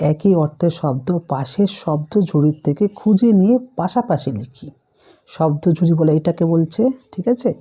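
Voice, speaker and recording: A primary school teacher with a low, mellow, husky voice leads an online class. She patiently walks young pupils through the lesson step by step, asking them questions along the way.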